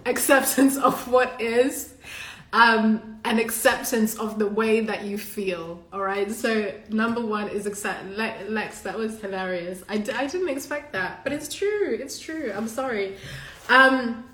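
In an echoey, reverberant room, a Shona-speaking woman from Zimbabwe coaches a live online audience in a slightly high, unhurried and fairly bright voice. Her motivational talk is casual, earnest and emphatic, and she swears freely the way a coach would among friends, working as a live-stream host.

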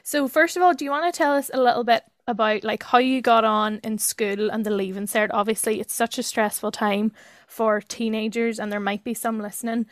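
An Irish woman with a fairly high voice hosts a podcast. She talks in a casual, loosely phrased way, as in easy chat. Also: fairly even intonation, brisk, no echo, studio quality. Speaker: podcast host.

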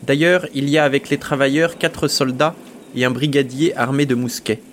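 A man's voice: medium pitch, fairly even intonation, moderate pace, slight background noise, lightly acted. A man reading aloud, giving a raised, pressing voice to an eager young male musketeer. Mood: urgent.

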